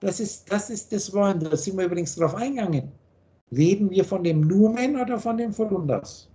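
A man's voice: sits high, lively intonation, a little fast, mellow. Blunt preachy man on a video call. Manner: blunt, preachy, full of rhetorical questions. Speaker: spiritual teacher.

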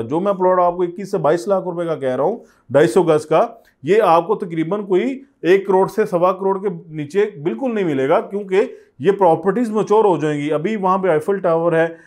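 Persuasive Pakistani Urdu property agent. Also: male voice, high-pitched, a little mellow. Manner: persuasive, urging viewers to buy. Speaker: real estate agent. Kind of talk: property sales pitch to camera. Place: office studio set, indoors. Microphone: lapel mic.

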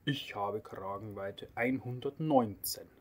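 A man voicing a grumpy, portly older male bear in a storybook reading, speaking slowly and softly. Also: fairly low pitch. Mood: grumbling.

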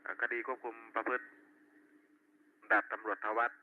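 A man with a fairly low voice and little pitch movement reads back reports at normal speed as a police radio dispatcher, using clipped, formulaic roll-call phrasing. It comes through a two-way radio effect on a tinny, narrowband walkie-talkie with faint noise.

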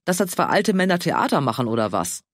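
A man voicing a fussy, anxious older man who pleads and frets in a high voice. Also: big pitch swings, fairly quick, no echo, clean studio sound. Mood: fretful.

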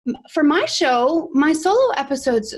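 Woman, upbeat chatty guest on a video call, slightly high voice. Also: sing-song, moderate pace. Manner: chatty, enthusiastic, many "like" and "right?". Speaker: guest podcaster. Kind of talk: casual video-call discussion.

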